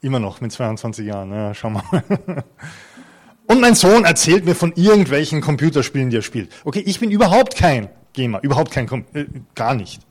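A man's voice: mid-range voice, very animated, brisk. A man in his fifties preaching an earnest, conversational sermon to a congregation, with touches of light humor. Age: 50s. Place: church hall before a congregation.

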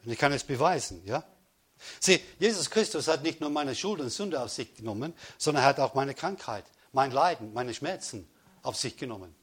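Husky man preaching with emphatic force. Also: medium pitch, expressive, normal speed. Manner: emphatic preaching with repeated praise calls, swinging between loud and hushed. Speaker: pastor. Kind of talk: sermon.

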